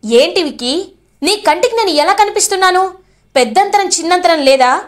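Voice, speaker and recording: A woman's voice: very high-pitched, animated, moderate pace. A woman voicing a scheming man who sneakily defends himself and demands proof. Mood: defiant. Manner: defensive, sly. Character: scheming man, smooth-talking villain.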